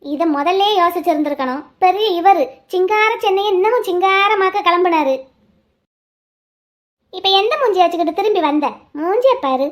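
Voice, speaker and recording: A woman voicing a mean, sharp-tongued young woman in a cartoon, speaking in a mocking, scolding way. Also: very high voice, normal speed, voice pushed down. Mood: scornful.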